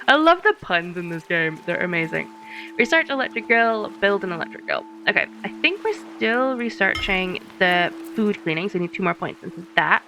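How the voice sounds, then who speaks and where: A woman's voice: medium pitch, animated, normal speed, noisy background. Chatty woman narrating her gameplay. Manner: chatty, giggles at puns, thinks aloud. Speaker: let's play host. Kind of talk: casual gameplay commentary.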